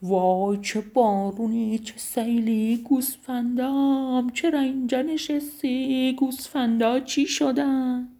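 A woman voicing a greedy middle-aged master who wails and shrieks in slow, drawn-out cries. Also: high-pitched, fairly even intonation, dark tone, voice pushed up. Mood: wailing.

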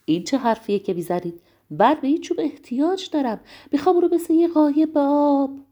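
A woman voicing a stubborn male frog in a storybook, croaking between words. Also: medium pitch, sing-song, mellow, muffled recording. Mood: insistent.

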